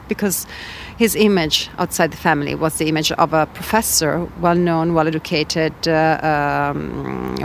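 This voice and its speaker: A woman's voice: deep voice, vocal fry, a little hiss or hum. Woman, hesitant and earnest. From Italy. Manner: hesitant, many fillers, repeats words for emphasis. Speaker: guest activist. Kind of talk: interview conversation.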